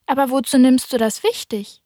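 A woman puts on a small, earnest boy prince with a lifted, youthful voice, asking his questions clearly and insistently. He speaks close and dry, with no room sound around him, as in a storybook recording. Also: sits high, moderate pace, mellow, no room sound, pitched above the performer's own voice, close to an everyday voice. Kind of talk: audiobook character voice.

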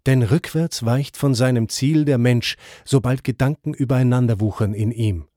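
Brief: a stern, steady old poet-guide, read by a man, mellow and dry. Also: medium pitch, normal speed, dry recording, natural voice. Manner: admonishing, steady.

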